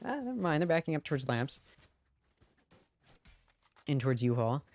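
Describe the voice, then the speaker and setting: A man's voice: a little high, big pitch swings, normal speed, darkish tone, no room sound. A man streaming a watch party, giving casual play-by-play commentary on an esports match and talking straight to his chat.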